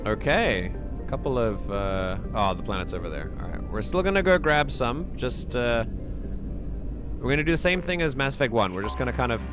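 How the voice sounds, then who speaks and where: A man's voice: medium pitch, sing-song, normal speed. A man doing casual live gaming commentary as a streamer, rambling along in a jokey, giggly way. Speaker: game streamer. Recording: game music behind the voice. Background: video game music.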